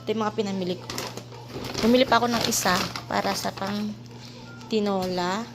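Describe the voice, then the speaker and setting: A woman's voice: medium pitch, steady tone, brisk, over music. A woman chatting casually in a home vlog, showing her fridge and her groceries, switching between Tagalog and English. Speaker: vlogger. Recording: noticeable background noise.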